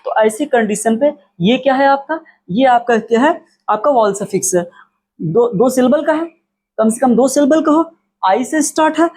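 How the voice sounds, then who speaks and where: A man from India teaching an English spelling lesson, repeating key words slowly and answering his own questions as he explains. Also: very high voice, expressive, a little mellow.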